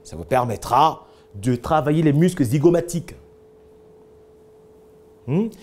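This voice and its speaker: A man teaches public speaking in an emphatic, lively way, acting out examples and asking the audience rhetorical questions. His voice is on the high side and he speaks unhurriedly.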